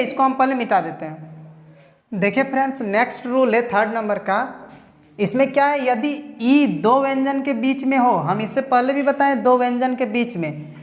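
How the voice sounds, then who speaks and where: A woman's voice: high-pitched, in a large hall. A woman teaching English pronunciation at a whiteboard, explaining each rule patiently step by step. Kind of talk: whiteboard lesson.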